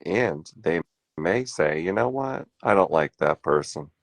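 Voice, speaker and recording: Man, gravelly voice, animated pitch, sarcastic asides, dry close sound. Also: unhurried, no room sound, rough recording. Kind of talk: casual chat.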